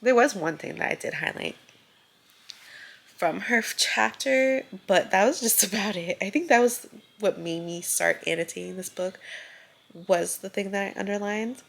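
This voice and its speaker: A young book vlogger with a gravelly, medium-pitched voice speaks at normal speed, casually rambling about her reading. She sounds stuffy and congested and relies heavily on "like."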